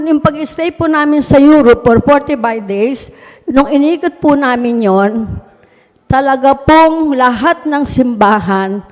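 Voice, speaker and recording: Long hall reverb surrounds the voice of a woman mayor speaking on the high side with a darkish tone. She sincerely recounts a personal testimony to her audience, staying polite and respectful and often using respectful particles.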